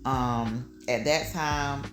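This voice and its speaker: A woman's voice: rumbling low, very slow, roomy sound, over music. A woman in her thirties talking casually about her goals, chatty and upbeat, with lots of ums. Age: 30s. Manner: chatty, filler-heavy, upbeat with laughs. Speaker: vlogger. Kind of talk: casual personal chat.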